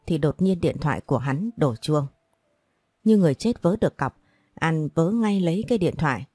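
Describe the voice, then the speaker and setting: A woman narrates a dramatic audio story with a steady delivery. Her voice is low and dark, and the recording is dry and close. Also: moderate pace, no echo.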